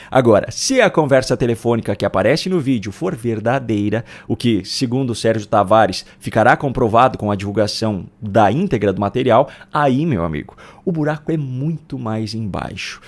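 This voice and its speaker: A man with a Brazilian accent delivering scripted political commentary in a deliberate, emphatic way. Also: mid-range voice. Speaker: political commentator and video host.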